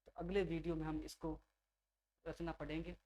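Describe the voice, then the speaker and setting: Man teaching a relaxed exam lecture. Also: on the high side, moderate pace, slight background noise. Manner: conversational, repeats key names, addresses students as "bhai".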